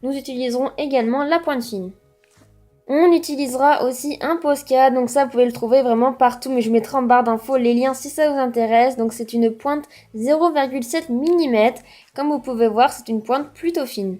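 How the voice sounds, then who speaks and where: A woman's voice: high voice, darkish tone. A young woman hosting a drawing tutorial and chatting through each step in a friendly how-to manner.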